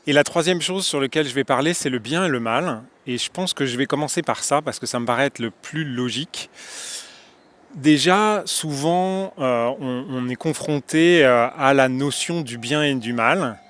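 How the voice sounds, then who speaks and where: A man's voice: medium pitch, normal speed, a bit bright. Breathless French man musing to camera. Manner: hesitant, many fillers and restarts. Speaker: spiritual video host. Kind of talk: casual spoken monologue.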